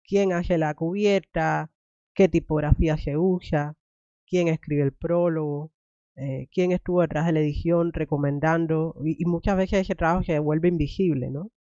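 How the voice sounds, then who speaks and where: A young woman from Cuba hosting a conversation with many "eh" fillers, thoughtful and pausing, as an academic host. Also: deep voice, steady tone, dark tone, no echo. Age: young adult. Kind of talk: conversational interview, then reading a poem aloud. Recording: dull, lo-fi dry recording.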